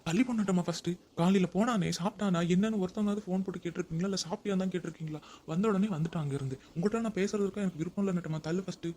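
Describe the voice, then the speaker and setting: A man's voice: high voice, rapid-fire, few pauses, dark tone, slight background noise, lightly acted. A man playing a harried young husband caught between his wife and his mother in a comedy sketch. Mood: irritated. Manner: exasperated, pleading.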